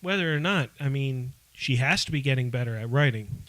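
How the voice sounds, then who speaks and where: Playful young podcast co-host. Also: male voice, medium pitch, lively intonation, fairly quick, a bit bright, dry recording. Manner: joking, playful. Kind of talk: casual podcast chat.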